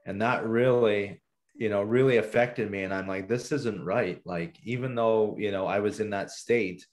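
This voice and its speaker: Podcast guest, a man with a low voice, from southern Ontario, Canada; earnest, reflective testimony. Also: moderate pace. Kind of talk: personal testimony in a podcast interview.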